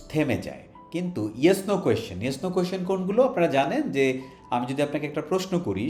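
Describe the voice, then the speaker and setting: A man with a Bangladeshi accent teaches an online English lesson, his slightly high voice swinging up and down as he poses questions and answers them. He demonstrates rising intonation on sample questions. The sound is roomy and echoey, with faint music beneath. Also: darkish tone. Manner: asks rhetorical questions and answers them himself.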